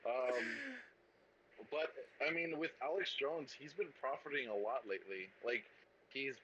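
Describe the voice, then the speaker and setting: A man's voice: mid-range voice, measured pace, fairly bright tone, highs cut off, slight background noise. A man chatting as a podcast guest, hesitant and restarting his sentences often. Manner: hesitant, many restarts and fillers. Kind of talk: casual podcast chat.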